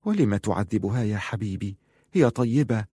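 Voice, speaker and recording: A man voicing a tender young woman, a lord's lover, speaking in a hushed, affectionate way. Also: on the low side, expressive, normal speed, husky, no echo, studio quality.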